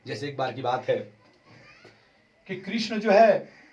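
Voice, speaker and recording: A man teaching a Hindi grammar lesson for exam preparation, explaining slowly and stretching out key terms. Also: mid-range voice, very animated, darkish tone, recorded from a distance, dull audio.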